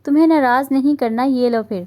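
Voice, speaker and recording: A woman's voice: high-pitched, darkish tone, lightly acted. A woman voicing a young husband in a romance novel reading, teasing and earnest by turns. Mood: affectionate.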